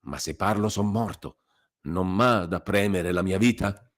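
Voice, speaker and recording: A man's voice: deep voice, unhurried. A man voicing a frightened elderly village priest who pleads in a quavering voice and then scolds peevishly. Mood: pleading.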